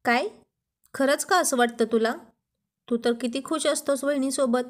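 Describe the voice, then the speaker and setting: A woman with a high, light voice narrates a story. She reads the dialogue in a lively, playful way. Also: moderate pace.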